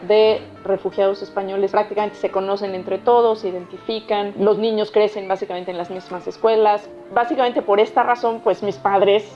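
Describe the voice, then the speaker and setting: A woman's voice: mid-range voice, steady tone, normal speed, few pauses, mellow, faint music behind. A woman from Mexico, a biologist, speaking in a composed way in an interview. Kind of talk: personal interview. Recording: dull, muffled sound.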